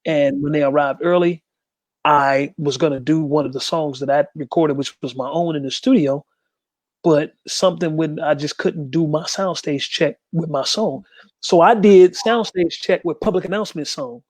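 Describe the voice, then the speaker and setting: Guy talking fast in an interview, kinda high voice, acts out what people said, dry close mic. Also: no echo. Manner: quick, emphatic, acts out quoted voices. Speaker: interview guest, gospel artist. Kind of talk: candid storytelling.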